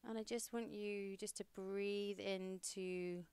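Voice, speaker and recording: Slow, smooth-voiced woman guiding meditation. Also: mid-range voice, dry recording. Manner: slow, soothing and steady. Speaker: meditation guide and podcast host. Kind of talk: guided meditation.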